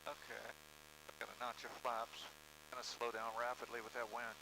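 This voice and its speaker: A man's voice: mid-range voice, monotone, moderate pace, gravelly. A man, a student pilot, talking casually and calling out steps to himself in clipped phrases over an aircraft intercom. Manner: murmurs checklist steps aloud in clipped phrases. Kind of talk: casual chat and self-talk while flying. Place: inside a small aircraft. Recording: humming aircraft cockpit intercom, engine noise.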